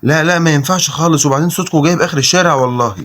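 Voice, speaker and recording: A woman voicing a grown father figure in a toy role-play, in a lowered gruff scolding tone with an Egyptian Arabic accent. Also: racing, lightly acted. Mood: stern. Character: grown man, the father, stern but calm.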